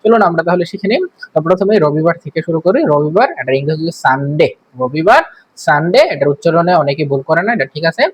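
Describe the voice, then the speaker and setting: Husky man teaching English day names. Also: a little high, animated, poor audio. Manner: repeats each word slowly for practice. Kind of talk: spoken vocabulary lesson.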